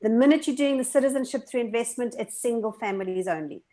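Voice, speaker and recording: A woman panelist explains the rules clearly and with confidence. Her voice sits a little high. She speaks over a video call. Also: fast, dark tone. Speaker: panelist on Cyprus residency.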